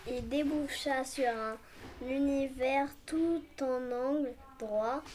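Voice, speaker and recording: A woman narrating a scripted children's story aloud, in short halting phrases. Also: high voice, darkish tone. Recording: clearly noisy recording with clicks.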